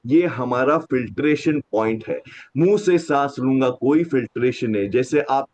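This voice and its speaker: A man leading a laughter yoga class, counting aloud and explaining the exercises, switching into slow, deliberate English phrases. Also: mid-range voice, a little mellow. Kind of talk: guided group exercise with explanations. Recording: dull lo-fi sound.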